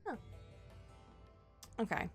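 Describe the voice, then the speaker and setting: Drawing out her words, a female streamer plays a visual novel on a casual livestream, reading game text aloud and chatting as she thinks things through. Soft music plays behind her in a dry recording.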